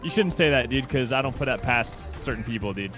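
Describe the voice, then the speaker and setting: Man, playful teasing commentary, animated, bright tone. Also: mid-range voice, a little fast, soft background music. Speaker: streamer playing an online board game. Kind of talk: casual gaming chat.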